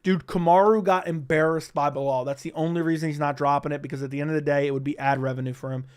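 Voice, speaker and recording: A man's voice: fairly high pitch, steady tone, quick pace, clear, resonant tone. A young man hosting a casual livestream, rambling and swearing freely as he answers questions from the chat. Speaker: livestream host.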